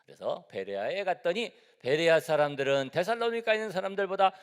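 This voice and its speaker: A man's voice: sits high, lively intonation, a little fast, clear, resonant tone. A middle-aged man from Seoul, a pastor giving a conversational sermon in a church and asking the congregation questions. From Seoul, South Korea. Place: church sanctuary. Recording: echoey church hall.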